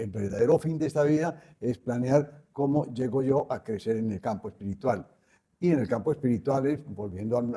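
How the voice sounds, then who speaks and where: A man's voice: medium pitch, mellow, slightly rough. An older man speaking as a guest, earnestly teaching and repeating his key phrases. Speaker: guest speaker on spiritual growth. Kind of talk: reflective conversational teaching.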